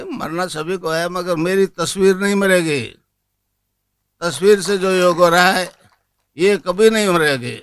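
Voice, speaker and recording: A man in his eighties giving a folksy spiritual discourse as a guru, speaking, asking rhetorical questions and chanting a mantra slowly. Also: high-pitched, fairly bright tone, clean tone. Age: 80s.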